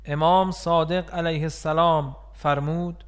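A man's voice: fairly high pitch, fairly even intonation, clear, resonant tone. A man giving a solemn, mournful scripted reading of a religious text.

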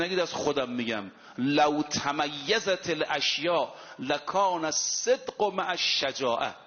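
A man's voice: on the high side, a bit bright. Male preacher, emphatic sermon delivery, dull lo-fi recording. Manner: emphatic storytelling, quotes Arabic scripture. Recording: long hall reverb, dull lo-fi sound.

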